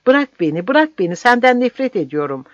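A defiant young woman guerrilla fighter speaks high and shrill, answering back hotly, as an audiobook reader puts her on. The recording is dry and slightly dull. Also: animated, fairly quick, no room sound, natural voice. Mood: screaming.

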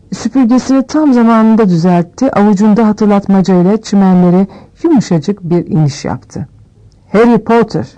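A woman reading a novel aloud as scripted narration, shifting her pitch a little for each character. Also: mellow, highs cut off. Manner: reads all characters with small pitch shifts. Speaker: audiobook reader.

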